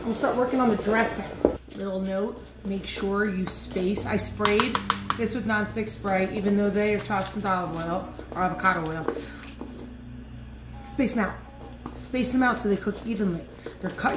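With a slightly high voice, this woman in her thirties runs a lively, talkative cooking lesson in her home kitchen, peppered with fillers. Recorded mid-distance by a camera in front, it has a roomy echo, music and a noisy background.

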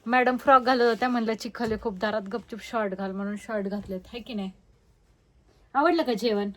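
A woman's voice: on the high side, brisk, a bit bright. Chatty woman vlogger. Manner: chatty, teasing with the kids. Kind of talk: casual family vlog chat.

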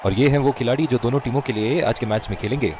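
A man voicing a dramatic, excitable video-game cricket commentator in Hindi cricket commentary style, exclaiming over shots and wickets. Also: mid-range voice, quick pace, lightly acted. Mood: measured. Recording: noisy stadium crowd roar behind. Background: loud cricket crowd.

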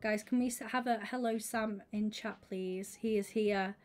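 A young woman chatting casually on her live stream, bubbly and quick to laugh. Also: medium pitch. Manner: bubbly, laughs often, squeals when excited.

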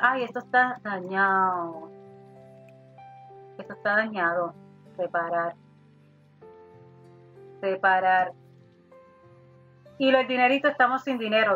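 A woman's voice: medium pitch, bright, forceful tone. A woman giving casual gameplay commentary, chatting to her character as "daughter" and swearing mildly. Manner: chatty, talks to her sim as "hija", mild swearing. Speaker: gaming youtuber. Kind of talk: casual let's play commentary. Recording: slightly dull audio with faint game music.

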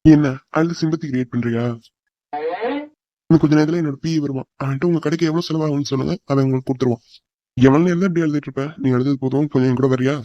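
A man's voice: on the high side, steady tone, rapid-fire, dark tone, dull audio, close to an everyday voice. A man voicing an arrogant, hot-tempered rich young man in a cartoon drama, who talks in a scornful, mocking way. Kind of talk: cartoon voice acting.

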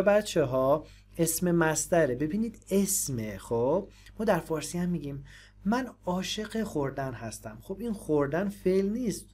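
A woman with Persian as her first language, teaching English and patiently explaining phrases, repeating them slowly. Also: lowish voice, a little mellow.

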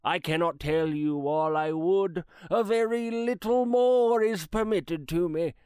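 A grave, sorrowful old spirit, played by a man, delivers each line slowly, as if every word weighs on him. The voice sits slightly high and rings smooth and clear. It is recorded close and dry. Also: darkish tone, dry recording. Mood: mournful. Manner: slow, grave, mournful pronouncements. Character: ghost of a dead old businessman, solemn and regretful. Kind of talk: dramatized classic story reading.

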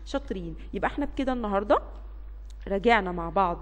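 A woman's voice: medium pitch, animated, racing, in a large hall, highs cut off. A young woman with an Egyptian Arabic accent teaching a children's phonics lesson, patiently drawing out letter sounds and encouraging the class.

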